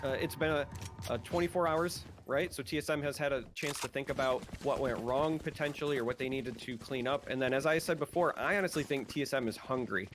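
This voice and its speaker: An esports caster with an American Midwest accent calls the action, his voice sitting in a middle register. He speeds up and gets louder when the big plays land. A faint hiss runs under the recording. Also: medium pitch, brisk. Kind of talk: play-by-play commentary.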